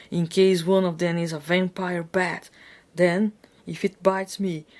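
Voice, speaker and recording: A woman's voice: fairly low pitch, darkish tone. A woman voicing a smug, gleeful schoolboy brother in a theatrical, hammy storybook delivery. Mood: gleeful, dramatic.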